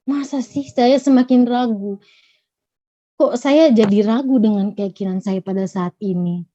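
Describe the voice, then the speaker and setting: A woman from Gorontalo giving a personal testimony, retelling her story in a halting, earnest way. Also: medium pitch, mellow, no room sound. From Gorontalo, Indonesia. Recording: dull lo-fi recording.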